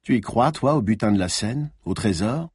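A man's voice: lowish voice, lively intonation, normal speed, darkish tone, slightly rough, dry recording, clean studio sound. A man voicing a playful young woman who teases a sleepy lover and dreamily describes her idea of treasure. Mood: teasing. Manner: teasing, playful, wistful.

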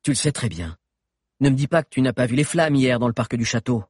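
A man voicing an earnest teenage boy who presses his point insistently, close to the reader's own voice. The delivery is lively and husky, recorded dry and close. It is a storybook character. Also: medium pitch, unhurried, dry recording, exaggerated voice. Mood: urgent.

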